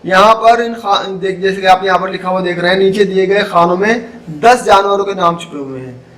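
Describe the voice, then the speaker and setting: A man teaches an online school lesson. His voice sits fairly high for a man. He explains patiently, reads out sentences and quizzes the class with warm praise. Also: a little fast, rough recording.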